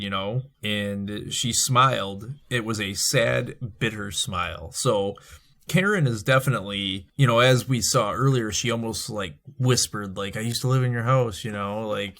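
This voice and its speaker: A man's voice: lowish voice, fairly bright tone. A man co-hosting a podcast, casually recapping a book, laughing often and acting out the characters' lines. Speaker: podcast co-host.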